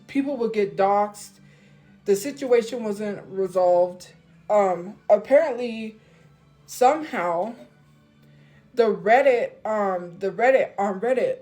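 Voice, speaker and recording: A woman's voice: medium pitch, darkish tone, rough recording. A woman on a phone live stream, venting and defending herself to her viewers in a casual, heated way.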